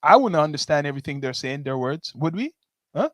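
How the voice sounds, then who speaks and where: A man's voice: on the high side, big pitch swings, fairly quick, no room sound, studio quality. A man with a Toronto slang accent in a casual discussion, explaining his points step by step and often checking in with "right?". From Toronto, Canada.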